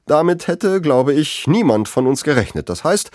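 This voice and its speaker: Brief: man voicing a flustered election-night TV anchor, high-pitched, audibly shaken, dry sound. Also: big pitch swings, moderate pace, a little mellow, no room sound. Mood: stunned. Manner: strained, struggling for composure. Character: flustered male TV election moderator.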